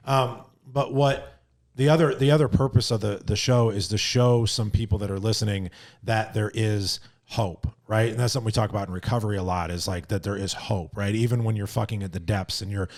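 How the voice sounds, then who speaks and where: A man hosts a podcast with a casual, blunt manner. His voice is fairly low, he swears freely, and he keeps checking in with his guest with "right?". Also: steady tone, fairly quick, darkish tone. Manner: blunt and profane, tags lines with "right?". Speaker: podcast host. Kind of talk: casual interview chat.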